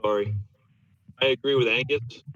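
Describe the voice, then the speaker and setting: A man's voice: medium pitch, steady tone, moderate pace, a bit bright. A man on the planning board, talking with hesitant restarts while his voice breaks up on a video call. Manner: hesitant, brief agreement with restarts. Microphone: laptop or phone on a video call. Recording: dull lo-fi call audio from off-mic.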